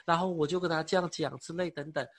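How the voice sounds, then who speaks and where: A young man preaching and giving a personal testimony, halting with many fillers, speaking with emotion. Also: fairly high pitch, fairly even intonation. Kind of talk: sermon testimony.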